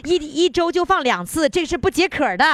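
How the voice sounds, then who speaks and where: A woman's voice: sits high, expressive, a little fast, a loud crowd, very noisy. A woman with a Northeastern Chinese accent hosting a radio call-in show in a chatty, exclamatory, bantering way. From Northeast China.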